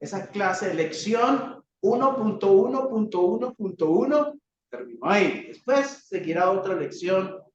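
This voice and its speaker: A Colombian man preaches with a high, unhurried voice, asking rhetorical questions and acting out cries for help. He sounds heavily echoey in a church hall. The recording is dull with faint ambience. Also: lively intonation, recorded from a distance, slight background noise. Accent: Colombian Spanish. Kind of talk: sermon.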